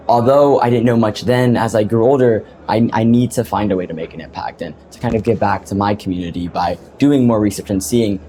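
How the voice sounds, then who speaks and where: A man's voice: lowish voice, mellow, a little hiss or hum. A teenage boy being interviewed on a podcast, earnestly explaining his work and laughing easily. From United States. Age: teens. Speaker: guest inventor. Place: podcast booth at a tech event.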